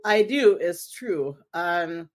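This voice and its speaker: A woman, a priest and theologian, answering interview questions thoughtfully with frequent pauses and fillers. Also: lowish voice, animated. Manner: thoughtful, hesitant with many fillers.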